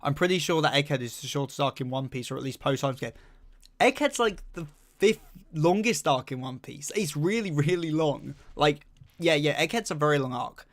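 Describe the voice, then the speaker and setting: A man's voice: fairly high pitch, moderate pace. A young man chatting casually on a live stream, reading chat and rambling with lots of fillers while humming to himself.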